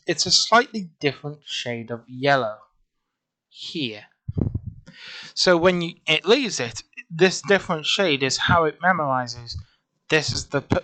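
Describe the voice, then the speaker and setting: His voice newly recovered, a software tutorial creator rambles chattily through a program on screen, correcting himself as he goes. The medium-pitched voice is bright and forceful, and the recording is rough in this casual screen-recorded walkthrough.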